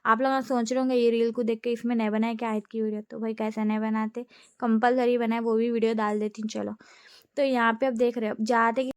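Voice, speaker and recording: A woman's voice: fairly high pitch, smooth, no room sound, clean studio sound. A young woman narrating her family vlog in a chatty, giggly way. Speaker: family vlogger. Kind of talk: casual vlog voice-over.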